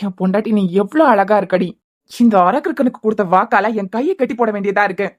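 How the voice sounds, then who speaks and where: Give me a woman playing a fast-talking, cheeky young cartoon husband with a Kanyakumari Tamil accent. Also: mid-range voice, soft background music, close to an everyday voice. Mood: grumbling. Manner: cheeky, grumbling, quick. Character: love-struck young husband, cheeky and impatient. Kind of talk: cartoon web series voice acting.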